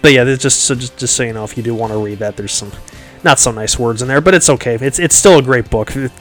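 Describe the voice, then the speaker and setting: Talking fast, a medium-pitched podcast host with a slightly bright but nasal, congested voice chats casually and rambles. Fillers, restarts, and frequent chuckles fill his speech, and faint music plays behind.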